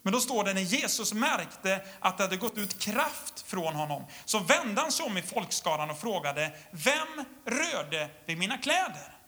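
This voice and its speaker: A man's voice: sits high, lively intonation, hardly any pauses, bright, forceful tone. A man preaching to a live gathering, retelling a Bible story with acted-out voices and jokes to the audience. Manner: acts out scenes with quoted voices, jokes with the audience.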